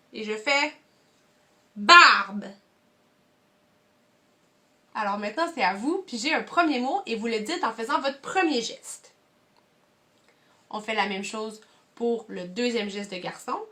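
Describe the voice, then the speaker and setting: A woman's voice: fairly high pitch, pushed and bright. A young woman with a Quebec French accent, leading kids through a movement activity from home as a cultural mediator, encouraging and addressing viewers directly. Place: home, indoors.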